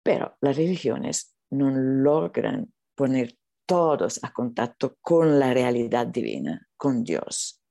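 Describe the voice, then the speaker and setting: Creaky-voiced non-native Spanish speaker, searching for words. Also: mid-range voice, lively intonation, mellow, dry recording, studio quality. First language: not Spanish. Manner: earnest, halting, searching for words. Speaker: spiritual teacher being interviewed. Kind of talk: unscripted spiritual talk.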